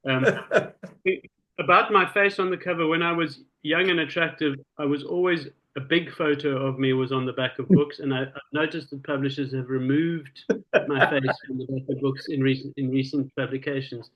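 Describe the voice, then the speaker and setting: Male author, mid-pitched, dry straight-faced humor, stop-start phrasing. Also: muffled recording. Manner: dry, deadpan, halting with repeated words. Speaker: novelist guest. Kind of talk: casual interview chat.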